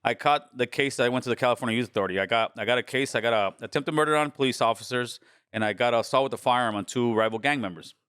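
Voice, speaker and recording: A man in his forties, born in Honduras, telling his life story as a podcast guest in a laid-back street manner that turns animated when he quotes people. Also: mid-range voice, quick pace, smooth, no room sound, clean studio sound. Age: 40s. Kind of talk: casual storytelling interview.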